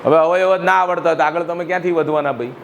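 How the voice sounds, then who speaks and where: A man's voice: on the high side, fairly even intonation, quick pace, a little hiss or hum. A middle-aged man with a Gujarati accent, a school director giving a motivational speech to students and throwing questions at the room. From Gujarat, India. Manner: rhetorical, quizzes the audience. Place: school hall.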